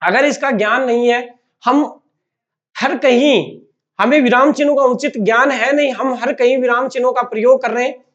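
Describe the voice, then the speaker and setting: A man teaching a Hindi grammar lesson, explaining slowly and asking questions that he then answers himself. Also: very high voice, fairly bright tone. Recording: dull lo-fi recording.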